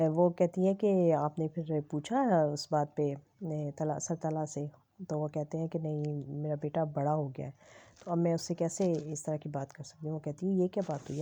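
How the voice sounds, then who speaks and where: Low, mellow-voiced woman retelling a drama. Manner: hesitant, many filler sounds, unhurried. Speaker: drama review presenter. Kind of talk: casual retelling of a TV episode.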